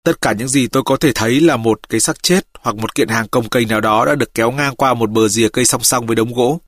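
A man reading an audiobook, voicing a calm, methodical male detective who reports his findings steadily. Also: mid-range voice, fast talker, no room sound, studio quality, close to an everyday voice. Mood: measured.

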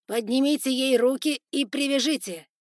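A woman voicing a raging spider lord, shouting. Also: high voice, moderate pace, no echo, studio quality, voice pushed up, natural voice. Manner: shouting orders, harsh and contemptuous. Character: furious older male spider lord, cruel ruler. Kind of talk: audiobook character voice.

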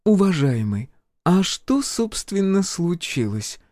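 A man voicing a sarcastic, unflappable middle-aged woman healer in an audiobook, mocking and drawn-out. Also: a little high, lively intonation, dark tone, no room sound, studio quality, voice pushed up, close to an everyday voice.

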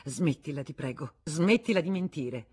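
A woman's voice: low voice, expressive, moderate pace, a little mellow, slightly rough. A woman reading an audiobook, voicing a wounded wife who confronts her husband with cold, bitter irony. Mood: pleading.

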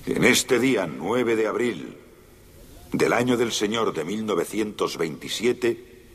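An actor playing a stern male judge who pronounces a sentence in a slow, grave, formal way. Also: fairly low pitch, animated, long reverb tail, slight background noise.

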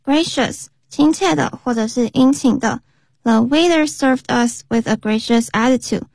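A woman's voice: on the high side, a little slow, vocal fry, darkish tone, dry recording. A woman co-hosting a radio lesson, reading each dialogue line in English and then in translation. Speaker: co-host reading dialogue lines.

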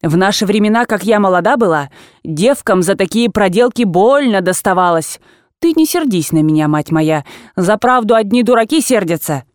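A woman voicing an agitated, blunt old aunt in an audiobook, with sharp exclamations that jump from low mutters to high cries. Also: expressive, moderate pace, dry recording, studio quality, natural voice. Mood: scolding. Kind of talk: audiobook character reading.

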